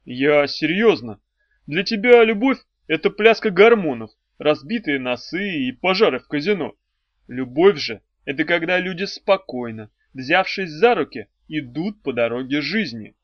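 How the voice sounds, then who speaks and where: A man's voice: on the high side, lively intonation, moderate pace, dry recording, lightly acted. A man voicing a proud, earnest male servant of light who lectures. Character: earnest male light being, proud, preachy flute player. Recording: dry, slightly dull audiobook recording.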